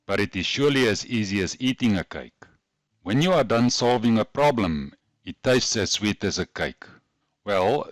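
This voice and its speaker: Male tutorial host, broad South African Afrikaans accent, lowish pitch, dry close sound, methodical scripted teaching. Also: no echo. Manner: methodical, instructional, carefully explained. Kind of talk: scripted lesson narration.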